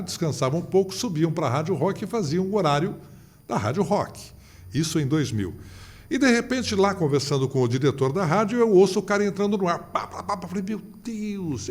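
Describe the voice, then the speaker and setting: A Brazilian-accented man in his fifties tells stories as a seasoned radio announcer. His voice sits a little high and swoops widely in pitch. He mimics the people he quotes as he goes. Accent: Brazilian Portuguese. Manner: animated, acts out quoted voices. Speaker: veteran radio announcer, podcast guest. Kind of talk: storytelling in a casual interview.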